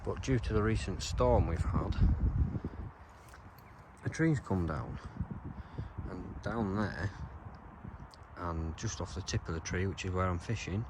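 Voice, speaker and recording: A man, calmly narrating his own fishing session on a riverbank. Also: a little slow, pauses often, background noise. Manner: calm and low-key, explaining his fishing spot. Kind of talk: casual outdoor vlog narration. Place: outdoors on a riverbank.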